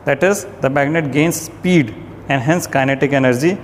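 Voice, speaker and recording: A male physics teacher giving a lecture, explaining step by step and asking and answering his own questions, slowing down to read statements aloud with care. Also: medium pitch. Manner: switches to slow, careful reading of English statements. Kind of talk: classroom lecture. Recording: long reverb, faint ambient noise.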